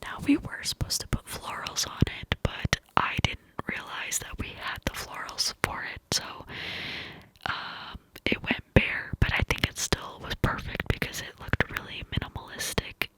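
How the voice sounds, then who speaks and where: A woman tells a personal story in ASMR style, in a breathy, intimate cupped-hand whisper with a rambling, hesitant delivery. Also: moderate pace, rough recording. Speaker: ASMR video creator.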